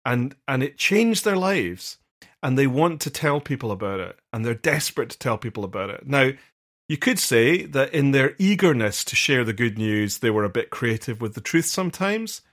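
A man's voice: medium pitch, big pitch swings, normal speed, a bit bright. Earnest man explaining with many restarts. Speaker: podcast co-host, vicar. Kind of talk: casual discussion.

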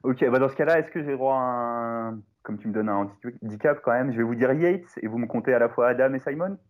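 A man taking part as a guest expert in a casual podcast chat, relaxed and laughing often. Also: mid-range voice, fairly quick. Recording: dull lo-fi line.

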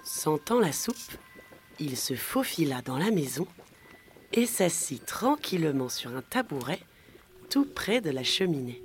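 A woman narrating a children's story in a gentle, measured way. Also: low-pitched. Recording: music playing underneath.

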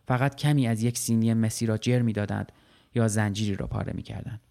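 A man narrating a short story in a measured, steady reading voice. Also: mid-range voice.

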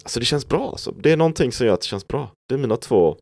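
A podcast host with a medium-pitched, slightly mellow voice tells stories and muses in a rambling, reflective way. The conversation is casual, and he sounds animated.

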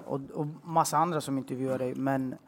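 A man's voice: mid-range voice, fairly even intonation, gravelly, background noise. A man asking a guest curious, earnest questions in casual, slangy chat. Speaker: interviewer.

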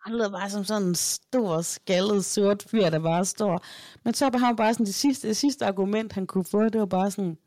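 A woman's voice: mid-range voice, warm tone, dry recording, studio quality. A woman in her thirties, a podcast co-host, chatting casually and candidly, telling stories about her children and acting out their voices. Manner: candid storytelling, acts out her kids' voices. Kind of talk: casual chat.

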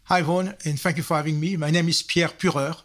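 A man's voice: on the high side, steady tone, fast, fairly bright tone. An older man with a French accent, a guest in a podcast interview, explaining concepts point by point with frequent restarts. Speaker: guest, software architect. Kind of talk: interview answers.

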